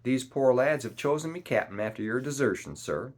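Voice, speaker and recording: A man's voice: lowish voice, animated, moderate pace. A man voicing a wily one-legged old pirate cook with a hearty, wheedling, mock-respectful manner. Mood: smooth bargaining.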